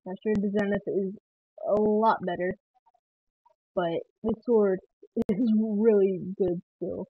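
Casual gameplay guide, rambling, hesitant, mid pitch, thin phone-like audio. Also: fairly even intonation, slow pace, long pauses, no echo. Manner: rambling, hesitant, laughs often. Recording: tinny phone-like dry sound.

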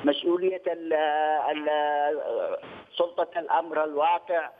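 An older man from Yemen, a studio guest on a news interview, talking in a measured way and repeating phrases, heard over a phone line. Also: on the high side, steady tone, a little hiss or hum. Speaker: studio guest, former press union head.

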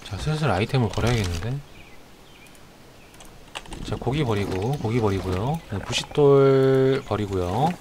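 Male game streamer, live play-by-play, chatty and excitable, mid-pitched voice over clear background noise. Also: unhurried, pauses often. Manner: chatty, narrates each move, shouts excitedly at fights.

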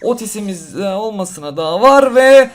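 A young man giving casual gameplay commentary to his viewers, excitable and quick to get frustrated. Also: sits high. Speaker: gaming YouTuber. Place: hot room at home.

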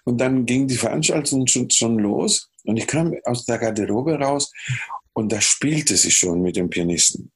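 A man from Chile with a Chilean Spanish accent, a music producer telling animated stories in a podcast interview, humming melodies and acting out dialogue. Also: mid-range voice, a little slow, slightly rough. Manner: animated storyteller who hums melodies and acts out dialogue. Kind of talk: casual podcast interview storytelling.

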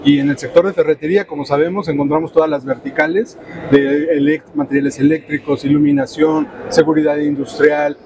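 A middle-aged Mexican man with a somewhat high voice answers questions in a businesslike way, often stopping on little filler sounds. He speaks into a lapel mic at a booth, and the steady noise of a crowded expo hall is clearly heard around him. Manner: businesslike, many filler pauses. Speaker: trade show director. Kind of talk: interview answers. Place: trade show booth indoors. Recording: noisy expo floor ambience.

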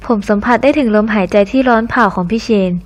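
A woman's voice: on the high side, fast. Woman reading a story aloud. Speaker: narrator. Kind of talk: scripted audio novel reading.

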